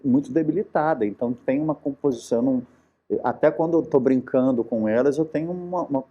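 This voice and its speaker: A man's voice: mid-range voice, quick pace, dull audio. A man, a guest actor talking earnestly in a casual interview and often restarting his sentences. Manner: earnest, searching for words with many restarts.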